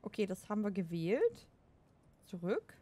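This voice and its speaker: A woman giving casual let's play commentary, excitable and laughing often, shouting commands at the game. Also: mid-range voice, measured pace.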